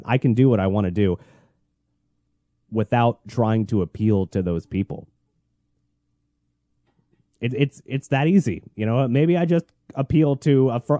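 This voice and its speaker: A man's voice: mid-range voice, warm tone, no room sound, studio quality. A man hosting a podcast like a shock jock, ranting bluntly and crudely with heavy swearing. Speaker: podcast host. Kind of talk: shock jock radio host monologue, profane ranting.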